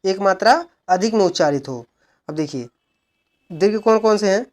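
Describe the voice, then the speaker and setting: A male teacher giving an exam-prep grammar lesson, who asks questions and answers them himself while explaining slowly and repeating key points. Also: sits high, animated. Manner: slow, repeated explaining with frequent "look" and "okay".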